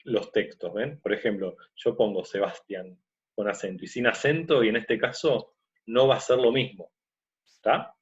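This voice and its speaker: A man teaching a screen-recorded software course, explaining step by step and often checking in with his listeners. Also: lowish voice, moderate pace, lo-fi sound. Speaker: course instructor.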